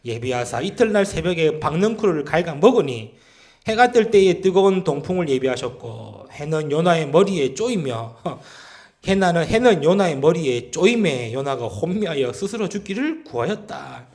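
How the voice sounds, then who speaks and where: A man's voice: fairly high pitch, big pitch swings, moderate pace, darkish tone. A man preaching a Sunday sermon in a church, reading scripture aloud and asking the congregation questions. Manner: chuckles to himself now and then. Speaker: pastor. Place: church sanctuary.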